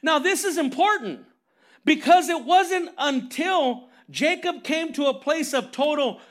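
A man preaching a lively, conversational sermon as pastor, telling stories animatedly and calling for amens. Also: extremely high pitch, a little slow. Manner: animated storytelling, calls for amens.

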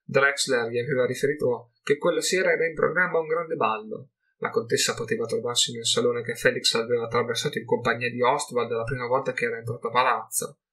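A man narrating a fantasy audiobook in a measured, dramatic storytelling manner. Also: mid-range voice, fairly even intonation, bright, forceful tone. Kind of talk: scripted narration.

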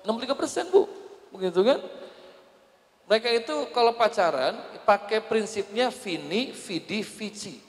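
A man preaching a religious talk to women, lively and joking as he addresses them directly. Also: high-pitched, normal speed. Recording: echoey hall.

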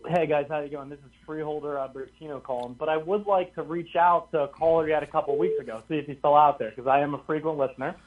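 Fast-talking man over a phone line. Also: fairly high pitch, steady tone. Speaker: caller. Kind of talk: call-in radio talk. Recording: tinny distant phone line.

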